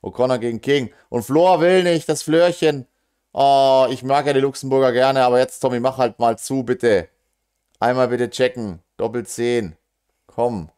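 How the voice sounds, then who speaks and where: A man's voice: medium pitch, steady tone, a little mellow, clean tone. A German man giving live darts commentary: casual, joking, groaning over near misses and talking straight to his audience. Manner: talks fast and casual with quick asides to the audience.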